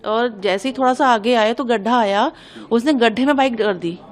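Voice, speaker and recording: A young woman giving an urgent, agitated account of an incident to a news reporter. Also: on the high side. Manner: urgent, agitated, hurried retelling. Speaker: interviewee recounting an incident. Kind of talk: emotional news testimony.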